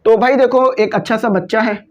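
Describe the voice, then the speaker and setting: A man's voice: high voice, steady tone, normal speed. A man with a Pakistani Urdu accent teaching a physics class, explaining with everyday examples and slipping into English for terms, on a cabled microphone. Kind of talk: classroom lecture video.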